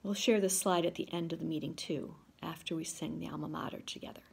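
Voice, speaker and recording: Gravelly older woman reading remarks. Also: sits low, steady tone, darkish tone, slight background noise. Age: 60s. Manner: measured, reading from notes. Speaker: class officer. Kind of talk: prepared remarks. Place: home living room, indoors. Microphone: video call, laptop camera.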